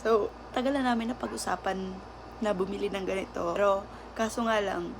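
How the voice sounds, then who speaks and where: A woman vlogger speaking slowly and heartfelt to her viewers, thanking them. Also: mid-range voice, vocal fry. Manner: slow and heartfelt, grateful. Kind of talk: casual vlog talk. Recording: noisy home recording.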